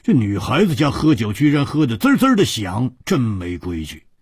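A man's voice: on the low side, expressive, moderate pace, mellow, no room sound, clean studio sound. A man voicing a hot-tempered, hard-drinking swordsman who mocks and grumbles. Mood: grumbling. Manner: mocking, gruff, laughing.

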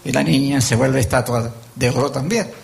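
A man's voice: mid-range voice, moderate pace, vocal fry, darkish tone, slight background noise. An older man with a Chilean accent preaching a sermon, telling folksy stories and acting out the voices in them. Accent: Chilean Spanish. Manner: folksy storytelling, acts out voices. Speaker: lay preacher.

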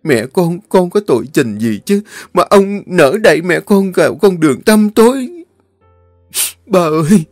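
A man voicing a young mother torn by grief and fury, crying out in a high, strained voice. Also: no room sound. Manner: shrill, sobbing outcries. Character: grief-stricken furious young mother Hiên. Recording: dry close voice, faint music.

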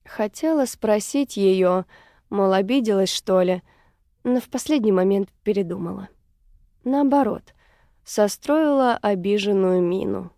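An audiobook narrator, a woman with a medium-pitched voice, reads scripted narration of a story in a measured, even tone. The recording is studio quality with no room sound.

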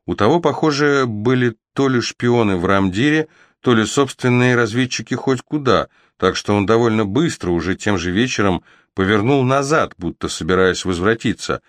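A man narrating a fantasy novel as an audiobook, reading with steady, even storytelling. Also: on the low side, moderate pace, dry recording.

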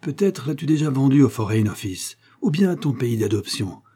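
A man's voice: fairly low pitch, moderate pace, warm tone, husky. A man voicing a harsh, domineering older engineer who berates his son in a scornful, raised voice.

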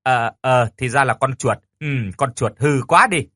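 A man voicing a middle-aged mother who speaks in a drawn-out, teasing way. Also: medium pitch, pushed and bright, dry recording, studio quality.

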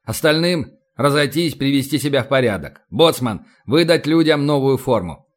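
A man's voice: mid-range voice, animated, normal speed, lightly acted. A man voicing a stern middle-aged navy captain who gives clipped commanding orders.

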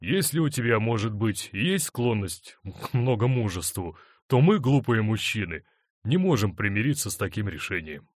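A man's voice: lowish voice, very animated, moderate pace, no room sound. Man as a hurt husband, wry and stern, controlled, dry close sound.

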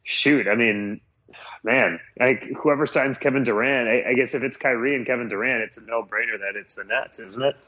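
Hunkered under a blanket in a small makeshift room of his new house, a man co-hosts a sports betting podcast that sounds muffled and cave-like. His mid-range voice is sharp and at normal speed, and he chats casually, thinking aloud with restarts.

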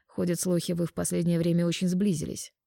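A woman's voice: lowish voice, monotone, quick pace, creaky, mellow, no echo, studio quality. A woman voicing a pushy young man who haggles, in an audiobook reading. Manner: pushy, wheedling bargaining. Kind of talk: audiobook narration.

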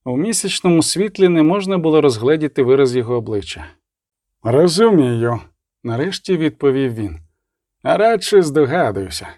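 Expressive man reading a war novel. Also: a little high, normal speed, no echo, studio quality. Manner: expressive, voices the characters' lines with rising intensity. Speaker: audiobook narrator. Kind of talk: dramatic audiobook reading.

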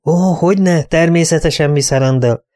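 A man's voice: a little high, warm tone, voice pushed up, natural voice. A man voicing an obsequious village butcher who talks in an eager, fawning way.

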